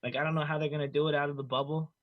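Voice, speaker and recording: A man's voice: on the high side, little pitch movement, racing, no echo, muffled recording. Guy rambling through sports talk, lots of fillers, dry mic sound. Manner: rambling, filled with "you know" and "like". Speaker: co-host. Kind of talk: casual sports chat.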